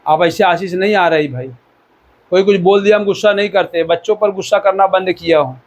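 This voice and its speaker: A man's voice: high-pitched, steady tone, a little fast. A man from India preaching a sermon as pastor, exhorting the listeners and repeating key words for emphasis.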